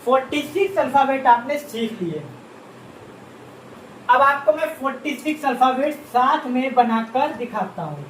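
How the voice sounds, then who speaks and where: A man's voice: extremely high pitch, animated, a bit bright, slight background noise. A man teaching a beginners' Japanese script lesson, asking a question and answering it himself, repeating each sound patiently. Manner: slow, patient explaining. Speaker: language teacher. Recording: echoey room, distant mic, faint ambience.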